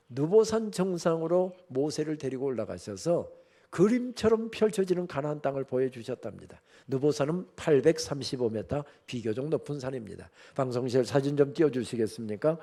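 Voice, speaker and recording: Brief: guest preacher, male, slightly higher voice, storytelling sermon with playful asides. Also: a little mellow. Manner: storytelling, humorous asides to the congregation. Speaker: guest preacher at a revival meeting. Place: church sanctuary.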